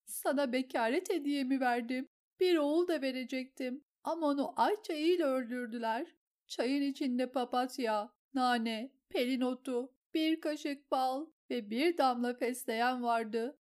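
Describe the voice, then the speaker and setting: A woman's voice: sits high, very slow, few pauses, warm tone, voice pushed up. A woman voicing a hysterical, jealous noblewoman who shrieks and sobs in a storybook reading. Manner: shrieking, sobbing, pleading.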